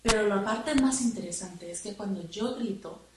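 A woman telling her testimony in church, halting and repeating words as she remembers. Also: mid-range voice. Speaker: church member giving testimony. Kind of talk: spoken testimony. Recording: echoey room, far from the mic, noisy.

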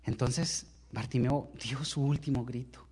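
A man preaching a sermon, impassioned, swinging between loud outbursts and hushed lines, often repeating words and restarting phrases. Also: mid-range voice, steady tone, measured pace, breathy edge. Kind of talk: sermon storytelling.

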